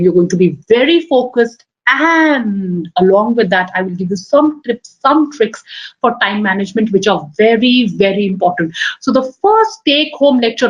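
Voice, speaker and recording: A woman teacher with an Indian accent and a fairly high voice lectures her students. She is emphatic and motivational, repeating key phrases and stretching important words so they land. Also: lo-fi sound. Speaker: biology teacher.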